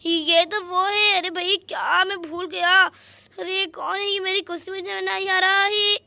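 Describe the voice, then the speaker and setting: A woman's voice: very high-pitched, fairly even intonation, a little slow, gravelly, pushed and bright, no room sound, heavily acted. A woman voicing a flustered husband in a doll story, stammering as he pleads that he is innocent.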